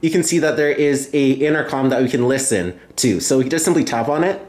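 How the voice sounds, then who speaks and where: This tech video host has a slightly mellow, mid-range voice as he narrates a step-by-step hands-on tutorial, repeating himself often. The recording, made at a table in an indoor room, sounds roomy and echoey.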